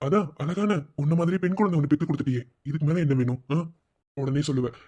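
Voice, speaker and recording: Brief: man playing a caring young cartoon husband, rapid Madurai Tamil speech, pitched a bit high. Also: mellow, natural voice. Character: caring young husband, teasing college friend. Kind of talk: cartoon voice acting.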